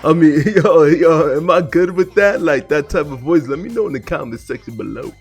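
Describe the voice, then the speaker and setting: A man's voice: fairly high pitch, normal speed, music in the background. A man hosting a cartoon reaction, talking in laid-back slang and rambling with laughs. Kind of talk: casual slangy reaction commentary.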